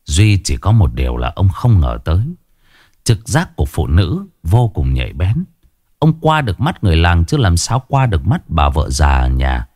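A man narrates a dramatic tale in a deep, lively voice that rises and falls with the story. The recording is dry and close, with faint music beneath. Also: moderate pace, no echo.

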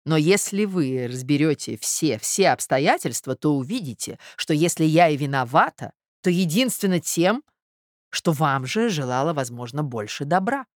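A woman reading aloud and voicing a scheming society lady who speaks in a painfully soft, reproachful voice. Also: sits low, lively intonation, normal speed, no room sound, clean studio sound. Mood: softly sly.

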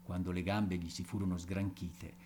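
A man reading a classic storybook aloud in an expressive way, with small ad-libs and chuckles. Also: low voice, moderate pace, slight background noise. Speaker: audiobook reader.

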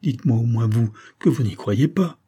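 A man's voice: mid-range voice, animated, moderate pace, warm tone, breathy edge. A man reading the lines of a distraught young wife in an audiobook, pleading, his voice raised a little.

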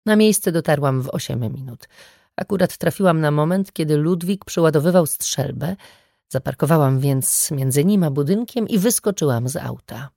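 A woman narrates a story in the first person with steady, dry delivery. Her voice sits low, and the close, dry studio sound has no room around it. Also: moderate pace, vocal fry, no room sound. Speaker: audiobook narrator.

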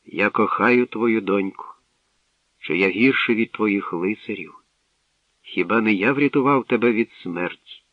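A man's voice: lowish voice, a little slow, dry recording. A man playing an earnest young shepherd hero. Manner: firm, earnest. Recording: dull dry studio recording.

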